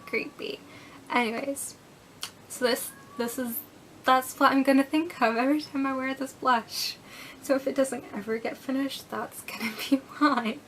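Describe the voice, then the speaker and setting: A woman's voice: mid-range voice, a bit bright, slight background noise, poor audio. A young woman chatting casually through a beauty product review, rambling a bit and dropping into whispered asides. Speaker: beauty vlogger.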